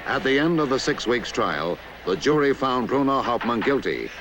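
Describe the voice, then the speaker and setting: A man narrating a scripted historical newsreel documentary in a measured, authoritative way. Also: mid-range voice, very animated, noisy background. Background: background music.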